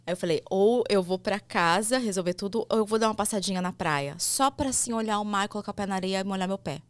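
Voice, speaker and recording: A woman with a Brazilian Portuguese accent, an actress and mother, talking candidly and softly in a casual conversation. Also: mid-range voice, quick pace, no echo.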